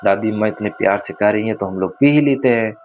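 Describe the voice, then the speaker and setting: A man voicing a kind, simple-hearted young man in a told horror story, speaking gently and persuasively. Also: lowish voice, fast talker, dull audio, slight background noise, close to an everyday voice. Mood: earnest.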